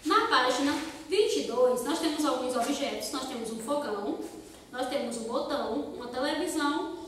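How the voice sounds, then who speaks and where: A Brazilian woman who teaches primary school speaks in a high voice from far off the mic, in an echoey, hall-like room with a little hiss or hum. In a recorded remote lesson, she sounds out words slowly for small children, syllable by syllable in a sing-song way, and asks her pupils rhetorical questions. Her accent is Brazilian Portuguese.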